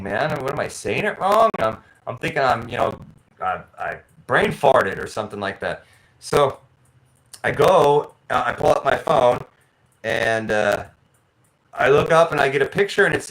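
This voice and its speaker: A man's voice: fairly high pitch, poor audio. A man vlogging in a casual storytelling monologue, rambling with restarts and acting out both sides of conversations. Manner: animated, acts out both sides of conversations with voices. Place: living abroad in a tropical city.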